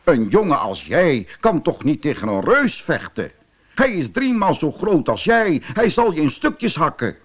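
A man's voice: fairly high pitch, very animated, measured pace, breathy edge, pitched above the performer's own voice, full character voice. A man voicing an anxious older king who pleads and commands in a raised voice. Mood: doubtful.

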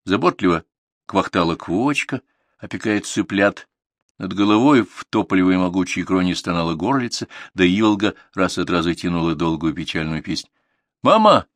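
A male audiobook narrator with a somewhat low voice, telling the story in a calm, even way. The reading is dry and close, with no room around it. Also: moderate pace, no echo.

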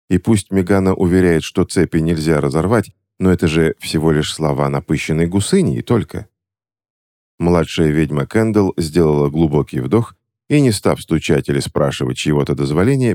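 Deep, expressive male storyteller. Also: no room sound, clean studio sound. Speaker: audiobook reader. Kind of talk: scripted narration of a fantasy novel.

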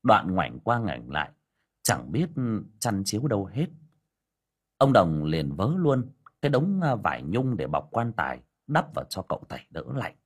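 A man reads an audiobook folk tale with a husky, slightly low voice. His pitch swings widely as he leans into the telling, colloquial and vivid. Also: moderate pace. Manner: storytelling with lively emphasis, colloquial. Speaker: narrator. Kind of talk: audiobook story narration.

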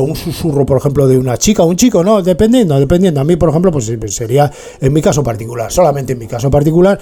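A man from Spain hosting a radio show, talking in a chatty, digressive monologue full of animated asides. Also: mid-range voice. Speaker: radio host playing music. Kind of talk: rambling casual monologue.

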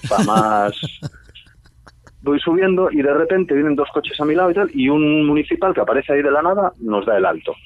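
A man's voice: fairly high pitch, sing-song, a little fast, no room sound. A man with a Spanish accent from Spain telling a casual, slangy anecdote on a radio show, acting out his own past remarks. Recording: tinny phone-like sound, dry.

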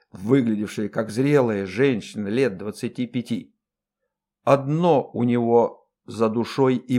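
A man narrating a historical novel in a lively, folksy storytelling manner. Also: medium pitch.

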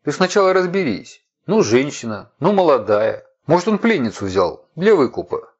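A man's voice: a little high, very animated, moderate pace, slightly rough, pitched above the performer's own voice. A man voicing a cautious young male captain who grumbles and sounds puzzled, in a storybook reading. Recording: dull lo-fi recording.

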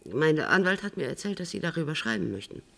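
An actress playing a composed, middle-aged woman held in custody, speaking in a measured, precise way in a radio drama. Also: low voice, very animated, vocal fry, fairly bright tone, heavily acted. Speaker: prisoner on remand giving an interview.

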